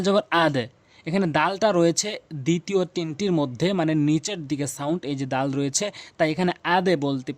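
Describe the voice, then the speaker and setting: A man teaching correct Quran recitation, explaining each rule and drilling sounds by repeating them slowly and emphatically. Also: on the high side, no room sound. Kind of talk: instructional explanation.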